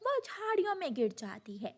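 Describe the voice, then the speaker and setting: A woman narrating a children's cartoon story in a clear, expressive way. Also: very high-pitched, moderate pace.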